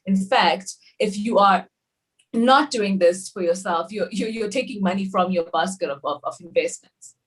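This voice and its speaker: Woman, 30s, from South Africa, chatty panelist explaining finances, mid-pitched. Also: normal speed, poor audio. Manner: talkative, explanatory, frequent restarts and fillers. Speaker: bank panelist. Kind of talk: webinar panel discussion.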